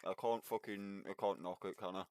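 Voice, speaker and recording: A man's voice: low voice, steady tone, a little fast, a little mellow. A man from Northumberland with a mixed Northumbrian and Geordie accent, talkative, laid-back and sweary, chatting casually while gaming online. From Northumberland, England. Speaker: game streamer.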